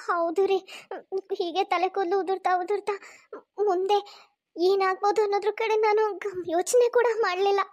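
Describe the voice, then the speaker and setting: Cartoon young wife, very high and piercing, tearful and dramatic, as a woman voices her. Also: fairly even intonation, normal speed. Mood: apologetic. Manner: wailing, tearful protests. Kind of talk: cartoon voice acting.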